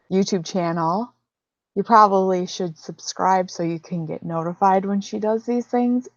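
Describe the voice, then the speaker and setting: A woman co-hosts a casual live Q&A, greeting viewers and reading their comments in a slow, unhurried way. Her voice has a gravelly edge. The audio is dull and dry, with a lo-fi sound. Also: mid-range voice, dry recording. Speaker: livestream co-host. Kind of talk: casual livestream Q&A.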